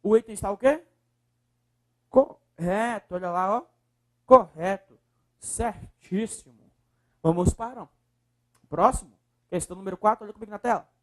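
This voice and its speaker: Brazilian teacher drilling syllables slowly. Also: male voice, high-pitched. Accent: Brazilian Portuguese. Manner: coaxing, repeats words slowly and syllable by syllable. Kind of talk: video lesson.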